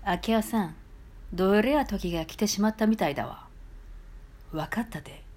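A woman's voice: medium pitch, lively intonation, normal speed, a little mellow, lightly acted. A woman putting on a theatrical movie-trailer voice with a thick Nagoya accent. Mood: dramatic. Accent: Nagoya dialect. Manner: theatrical, rising intensity. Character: overblown movie-trailer narrator, dramatic.

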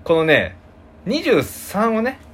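A man co-hosting a casual comedy talk show, bantering in an animated way and sometimes dropping into hushed asides. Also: sits high, slow, slight background noise. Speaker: radio talk co-host.

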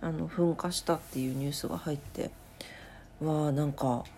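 A woman hosting her own late-night talk show from home, rambling and thinking aloud with many pauses. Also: low voice, fairly even intonation, warm tone, slight background noise. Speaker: podcast host. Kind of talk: casual late-night solo chat.

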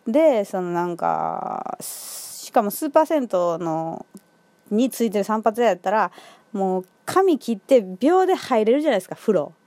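A woman's voice: medium pitch, very animated, normal speed, darkish tone, no room sound. A woman with a Kansai accent talking alone in a casual monologue, chatty, with many fillers and frequent laughs. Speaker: solo podcast host.

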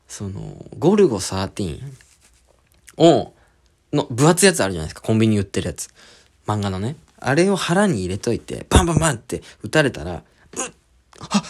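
Man telling a rambling story with swooping pitch. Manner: rambling storytelling with many filler words. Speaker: sketch comedian. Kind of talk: casual solo talk radio monologue.

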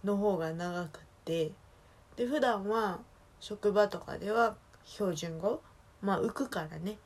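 A woman from Osaka speaking with a Kansai accent, chatting casually alone in a relaxed, rambling way that keeps correcting itself. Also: medium pitch, a little slow. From Osaka, Japan. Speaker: solo podcast talker. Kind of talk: casual solo chat.

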